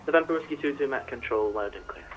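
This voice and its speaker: A man's voice: medium pitch, fast, a bit bright, muffled recording, slight background noise. A man role-playing a police control dispatcher over two-way radio, with a clipped procedural manner.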